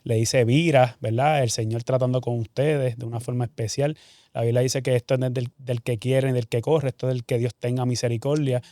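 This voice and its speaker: Mellow-voiced pastor hosting an interview. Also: male voice, mid-range voice, steady tone, fairly quick, no echo, clean studio sound. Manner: preacherly, quotes scripture, interjects "¿verdad?". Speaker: pastor host. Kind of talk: church interview program.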